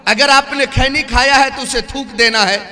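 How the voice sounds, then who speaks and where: A male preacher delivers an animated sermon and keeps asking the crowd questions. His voice is very high and intensely bright and cutting. A long reverb trails behind every line. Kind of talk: sermon with humorous story.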